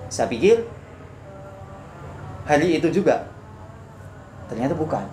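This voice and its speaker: A man giving a personal testimony in conversation, telling it earnestly and acting out his own shouts. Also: a little high, expressive, a little slow. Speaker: guest sharing a testimony. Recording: echoey room with background noise.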